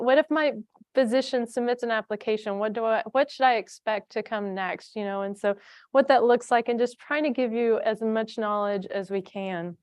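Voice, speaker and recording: A woman's voice: fairly high pitch, darkish tone, smooth, no room sound. A woman from a nonprofit giving a conference presentation, talking in a chatty way with many fillers and restarts. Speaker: foundation staff presenter.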